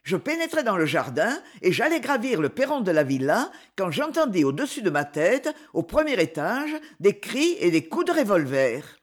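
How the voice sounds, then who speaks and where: Brief: a reader playing a composed accused woman, soft and measured. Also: medium pitch, sing-song. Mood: confessing. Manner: measured testimony, soft-voiced.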